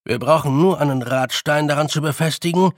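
A man's voice: on the high side, fairly quick, dry recording, clean studio sound, natural voice. A man voicing a tiny, brash fairy-folk leader who blusters and improvises excuses. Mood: explaining.

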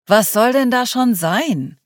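A woman's voice: fairly high pitch, expressive, slow, no room sound, studio quality, voice pushed up. A woman reading the part of a young man who snaps at the group, impatient and irritated. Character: young man feigning calm bravado.

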